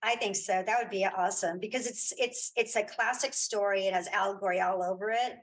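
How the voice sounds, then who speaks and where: A podcaster and audio drama creator takes part in a casual interview as a guest, speaking emphatically and encouragingly and repeating phrases for effect. Her mid-range voice is slightly rough and a little fast, with fairly even intonation.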